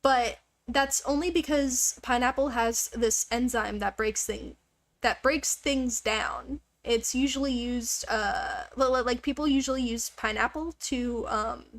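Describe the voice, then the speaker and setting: A woman with a somewhat high voice livestreams a game at a measured pace, rambling casually with her viewers in a joking, self-deprecating way.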